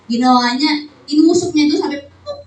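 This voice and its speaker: A woman gives an animated motivational business seminar talk in a hall, often firing call-and-response questions at the crowd. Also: sits high, moderate pace. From Philippines. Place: event hall before an audience. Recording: echoey hall, distant mic, loud noise.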